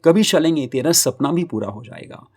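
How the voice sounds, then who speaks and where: A man's voice: on the high side, lively intonation, normal speed, breathy edge. A man voicing an easygoing middle-aged mother. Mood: fond. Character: middle-aged mother, cheerful yet lonely.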